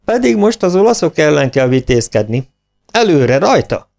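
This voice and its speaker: A man's voice: fairly high pitch, sing-song, vocal fry, darkish tone, voice pushed up. A man voicing a commanding male warrior leader in a storybook, rousing and bold.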